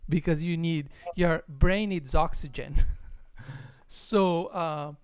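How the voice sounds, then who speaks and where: A man with a Brazilian Portuguese accent, a native Portuguese speaker, hosting a casual online interview as a guitar teacher, relaxed, with many fillers and frequent laughs. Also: a little high, slow pace, clear, resonant tone, dry recording.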